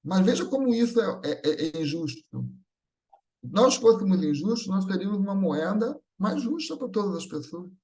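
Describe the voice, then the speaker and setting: His high-pitched, sing-song voice is a little mellow and moves at a normal speed. This Brazilian guest at a Spiritist gathering, accented in Brazilian Portuguese, gives an improvised religious talk, earnest and reassuring, layering repeated phrases to build.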